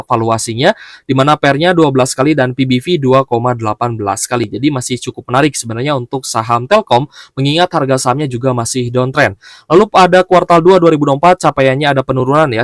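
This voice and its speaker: A man giving stock market analysis in a steady explanatory way, often stopping on fillers and short pauses. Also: medium pitch, no echo, clean studio sound.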